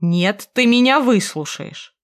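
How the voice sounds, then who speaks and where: A woman's voice: a little high, lively intonation. Woman voicing a cold, manipulative husband. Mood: menacing. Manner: slow, measured, pressuring.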